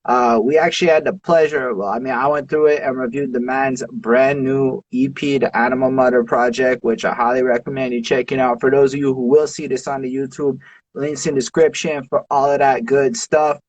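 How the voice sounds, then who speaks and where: A man's voice: mid-range voice, fairly even intonation, moderate pace, no room sound. Easygoing male host, far from the mic. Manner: easygoing, slang like "real dope". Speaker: interview host. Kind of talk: livestream interview hosting.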